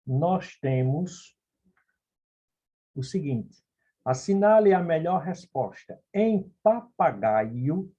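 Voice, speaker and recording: The voice is fairly high, warm and husky: a man teaching Portuguese grammar, solving phonetics exam questions step by step. He checks in with listeners through frequent "ok?" and "beleza?", and the lo-fi recording sounds dull.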